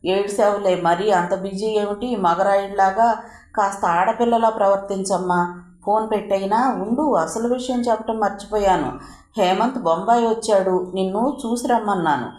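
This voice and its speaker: Woman doing a chatty newlywed friend, teasing, talks fast and warm, echoey room. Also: mid-range voice, natural voice. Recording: roomy echo.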